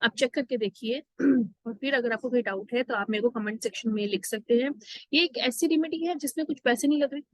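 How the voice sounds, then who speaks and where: Middle-aged woman, instructional to camera, methodical, bright-ish pitch, dry sound. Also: fairly quick, no room sound, low-quality recording. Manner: explanatory, numbered steps, mixes in English phrases. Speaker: astrologer and numerologist giving vastu tips.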